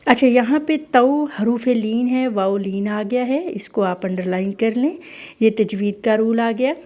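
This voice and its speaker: A woman's voice: on the high side, a little mellow. Patient female Quran recitation teacher. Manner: patient, instructive, models sounds slowly and repeatedly. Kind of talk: online tajweed lesson.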